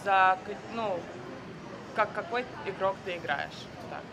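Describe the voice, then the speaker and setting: A man working as a live interpreter at a media scrum, briskly relaying a player's answers in the third person. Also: high-pitched, animated, noisy background. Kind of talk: live consecutive interpreting between Russian and English. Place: media scrum at a draft event.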